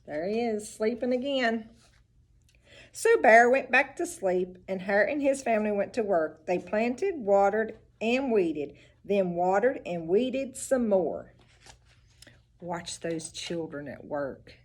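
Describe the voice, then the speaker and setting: A female teacher reads a storybook aloud to children, slowly and expressively, with lively swings in pitch. Her delivery is instructive, and she adds asides directed at the kids.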